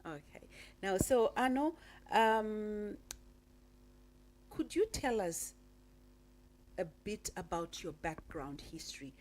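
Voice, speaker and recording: Slow, halting woman talk show host. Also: mid-range voice, animated, a little mellow. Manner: slow, halting, with many uh fillers. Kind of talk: radio talk show interview.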